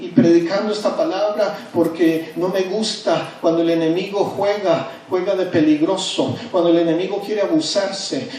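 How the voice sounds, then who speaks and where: High-voiced pastor preaching in an echoey church. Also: male voice, darkish tone, distant mic. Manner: emphatic and repetitive, with drawn-out stresses. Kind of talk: sermon. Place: church sanctuary. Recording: echoey church hall from afar, faint noise.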